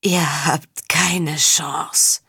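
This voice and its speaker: A woman's voice: deep voice, fairly even intonation, extremely slow, vocal fry, pushed and bright, husky, no room sound, exaggerated voice. A woman voicing a frail, weeping old count with a broken, trembling voice, in a dry recording. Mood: despairing.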